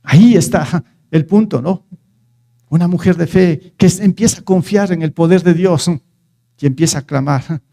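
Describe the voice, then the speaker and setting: Male preacher, high voice, soft mellow tone, chatty sermon delivery with rhetorical questions. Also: moderate pace, creaky. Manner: conversational, asks the listeners rhetorical questions; reads scripture aloud and retells it.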